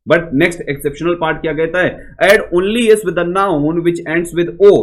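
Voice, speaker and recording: Male teacher, fairly high voice, patient step-by-step explainer who keeps checking that the class follows. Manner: explains step by step, asks many check questions; reads rules out slowly and deliberately. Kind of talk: grammar lesson to students.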